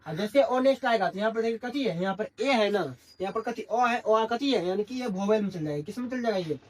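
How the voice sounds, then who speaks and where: A male English grammar teacher gives a classroom lesson in Hindi, constantly posing questions and answering them himself in a call-and-response style. His voice is high-pitched and darkish, with lively intonation and a slightly fast pace.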